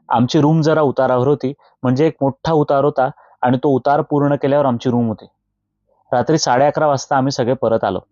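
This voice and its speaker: A man narrating a scripted horror story in a steady, measured way, with faint music behind. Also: mid-range voice, dry recording, muffled recording.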